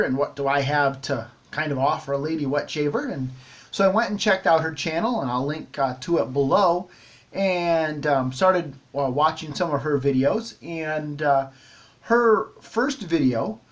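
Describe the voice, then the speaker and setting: A man's voice: on the high side, dull audio. A middle-aged man hosting a shaving vlog, talking casually to camera with many ums and restarts. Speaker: shaving video host.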